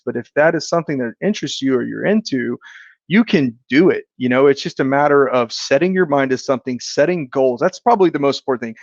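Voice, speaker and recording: An earnest man talks as a guest on a casual podcast. He is reflective and deliberate. The recording sounds a bit dull and dry. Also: mid-range voice, no room sound. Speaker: podcast guest, insurance agent. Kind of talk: casual chat.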